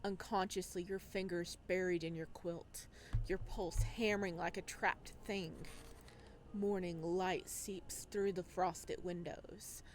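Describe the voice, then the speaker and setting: Hosting a game playthrough, a woman with a fairly low voice speaks slowly and with fairly even intonation. She reads narration aloud dramatically and tosses in casual commentary.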